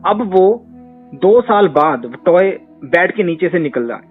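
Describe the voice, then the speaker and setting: A man whose voice rests high and lively takes a measured pace while answering questions as a therapist. He argues emphatically through rhetorical questions in this conversational advice session, recorded over a tinny phone line with music faintly audible.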